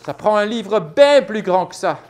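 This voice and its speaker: A woman playing a brave, excitable little girl knight-errant in a theatrical children's storytime, animated and exclamatory. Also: mid-range voice, unhurried, lightly acted. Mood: worried. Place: live storytime stage.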